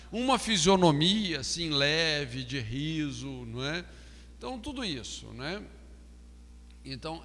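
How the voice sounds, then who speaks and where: This pastor's voice runs on the high side, pushed and bright, heard in a large hall. Lecturing on counseling for a course, he explains patiently, leans on key words and keeps asking "não é?"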